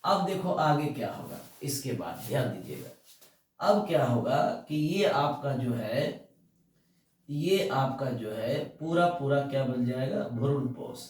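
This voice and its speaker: A man teaching biology, dictating notes and repeating key terms slowly while asking and answering his own questions. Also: medium pitch, very animated, darkish tone. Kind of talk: classroom lecture, dictating notes. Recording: echoey room, mic at a distance.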